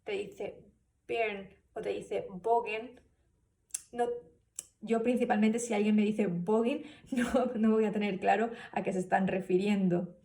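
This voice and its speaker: A woman's voice: mid-range voice, fairly even intonation, normal speed, mellow, distant mic. A woman giving a spoken class presentation, hesitant, with many fillers and restarts. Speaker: student presenter.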